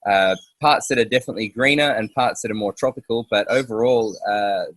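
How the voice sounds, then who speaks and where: A man's voice: on the low side, a little fast, fairly bright tone, no room sound. A man hosting an interview outdoors, hesitant and full of fillers. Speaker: host. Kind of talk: casual interview talk.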